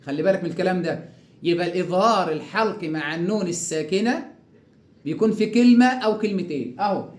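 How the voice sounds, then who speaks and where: A man with a fairly high voice and an Egyptian accent teaches a tajweed lesson. He explains briskly and speaks directly to the learner, then stretches each example out slowly. The room around him rings with echo. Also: a little mellow. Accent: Egyptian Arabic. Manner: repeats each example slowly and drawn out after quick explanation; instructive, addresses the learner directly. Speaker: Quran recitation teacher.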